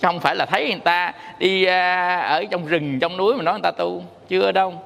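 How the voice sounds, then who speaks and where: A monk teacher's high, gravelly, slightly bright voice moves at a quick pace with fairly even intonation. He gives a storytelling dharma talk, playfully singing tone syllables to make his point, and the recording has long hall reverb.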